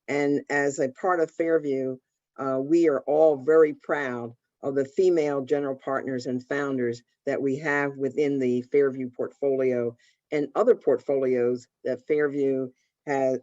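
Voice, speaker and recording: A woman's voice: low voice, no echo. Woman hosting a panel, dull dry sound. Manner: deliberate, with fillers and repeated words. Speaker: panel host, managing partner. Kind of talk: formal panel introduction.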